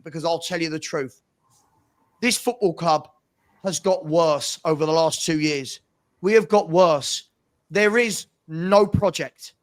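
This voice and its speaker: A man's voice: high-pitched, fairly bright tone. A man giving a passionate, exasperated opinion rant as a football fan pundit, hammering points home with emphatic repetition. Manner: emphatic, repetitive rhetorical delivery.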